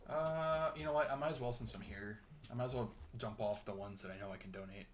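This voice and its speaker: A man's voice: medium pitch, brisk, slight background noise. Rambling, chatty young man. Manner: rambling, chatty, with frequent chuckles. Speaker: gameplay commentator. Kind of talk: casual let's-play commentary.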